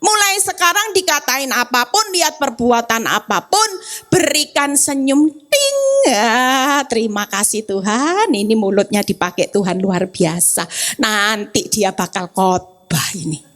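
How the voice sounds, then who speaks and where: A woman evangelist preaching a sermon in a lively way to a church congregation, acting out the voices she quotes. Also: a little high, a little slow. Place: church hall, on-site service.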